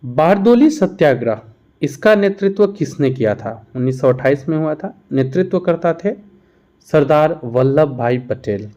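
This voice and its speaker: A man who teaches competitive exam preparation leads a revision lesson, reading out questions and explaining each answer. His voice is a little high, animated and dark in tone, at a measured pace, with slight background noise.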